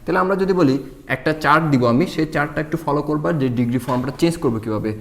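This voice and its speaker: A man's voice: on the high side, racing. A man teaching a grammar lesson, explaining step by step and answering his own questions.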